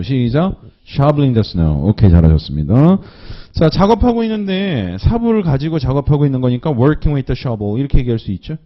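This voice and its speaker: A man teaching an English listening class, slowly repeating phrases and checking in with students after nearly every line. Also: mid-range voice. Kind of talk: recorded online lecture. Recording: dull lo-fi lecture recording.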